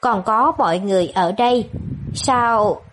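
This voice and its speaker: A woman reading the lines of a scheming young prince who shouts in feigned grief and pleads over and over, in her own everyday voice. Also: high-pitched, a little slow, noisy background. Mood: anguished.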